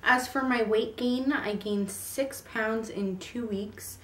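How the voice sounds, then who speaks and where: Her throat raw from a cold, a vlogger in her twenties gives a casual pregnancy update, peppered with ums. The voice is a little high and slow, and the distant mic picks up an echoey room.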